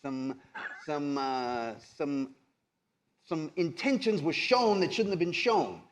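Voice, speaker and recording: A man with a slightly high voice plays a cagey, evasive go-between who runs errands for a vampire prince, improvising a tabletop roleplay before a live audience. He hedges slyly, halting through many trailing qualifiers, with slight background noise.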